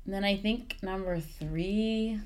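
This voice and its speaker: A woman's voice: mid-range voice, takes it slowly. A young woman from Texas, a guest on a casual podcast, giggly and dramatic, with lots of "like" fillers. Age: young adult. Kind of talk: casual chat.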